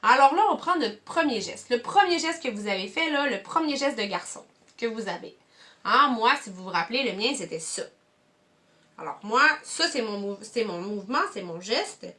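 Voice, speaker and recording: A woman's voice: on the high side, expressive, moderate pace, fairly bright tone. A young woman with a Quebec French accent, leading kids through a movement activity from home as a cultural mediator, encouraging and addressing viewers directly. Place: home, indoors.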